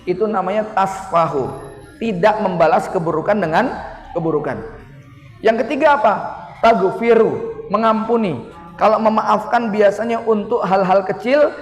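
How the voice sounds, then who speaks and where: A man with a Javanese accent giving a humorous, folksy mosque sermon, acting out husbands and wives in quoted lines. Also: on the high side. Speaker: preacher. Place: mosque hall. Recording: echoey mosque hall reverb.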